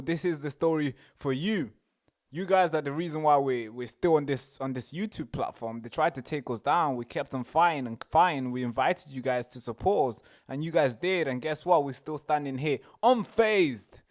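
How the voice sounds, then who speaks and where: High-voiced young man hosting a stream. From Tanzania. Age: young adult. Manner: addresses viewers directly, repeats phrases. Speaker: show host. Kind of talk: casual livestream commentary. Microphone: wearing headphones.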